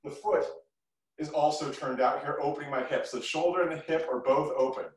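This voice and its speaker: A man's voice: on the high side, a little fast. A middle-aged man teaching a live kung fu class, giving short instructional commands and encouraging feedback. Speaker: martial arts instructor. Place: medium-sized living room, indoors. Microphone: camera across the room. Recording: roomy echo, distant mic.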